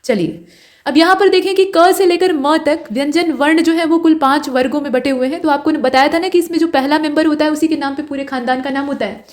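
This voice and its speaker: A woman teaching an online exam-prep grammar class, patiently explaining and slowly sounding out vowels and letters as examples. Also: high-pitched, darkish tone. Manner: explains patiently, checks understanding with "ठीक है".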